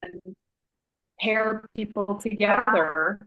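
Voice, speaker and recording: A woman's voice: medium pitch, takes it slowly, lo-fi sound. Chatty woman telling a story. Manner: thoughtful, meandering, with fillers and self-corrections. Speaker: interview guest, artist and Human Design author. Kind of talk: relaxed conversational storytelling.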